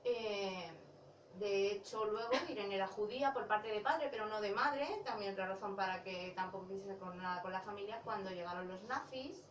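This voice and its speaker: A woman's voice: mid-range voice, moderate pace, highs cut off. A woman talks casually about her novel at a bookshop presentation, often restarting and correcting herself. She sounds somewhat far the mic, with the room adding a noticeable echo. A faint hiss sits under her voice. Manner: chatty, self-correcting, laughs while talking. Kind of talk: casual book talk.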